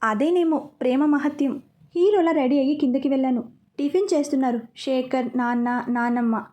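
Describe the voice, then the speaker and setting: High-voiced woman narrating a romance story. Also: moderate pace. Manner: expressive, chatty narration. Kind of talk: first-person story narration.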